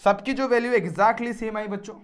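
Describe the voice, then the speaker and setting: A man's voice: high-pitched, normal speed. A male maths teacher explaining problems step by step in a classroom lecture, often putting questions to his students.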